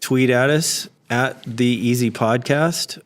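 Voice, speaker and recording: A man co-hosting a podcast, chatty and quick to chime in, in casual movie talk. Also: medium pitch. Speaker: podcast co-host. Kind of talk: casual chat about movies.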